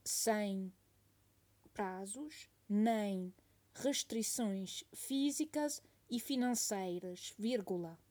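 A woman's voice: mid-range voice, extremely slow, a little mellow. A woman giving a dictation as a teacher, reading each phrase twice and saying the punctuation marks aloud.

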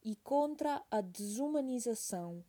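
Woman teacher, dictation pace, each phrase said twice with punctuation spoken; unhurried, warm tone. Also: fairly high pitch, expressive. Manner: repeats each phrase slowly, calling out punctuation. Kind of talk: slow dictation with punctuation read aloud.

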